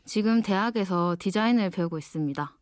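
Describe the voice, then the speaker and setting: Speaking fairly quickly in a medium, somewhat mellow voice, a twenty-year-old from Ulsan hosts a late-night radio slot as a guest DJ. The design student's Gyeongsang accent colors her candid, reflective monologue, captured in studio quality without echo.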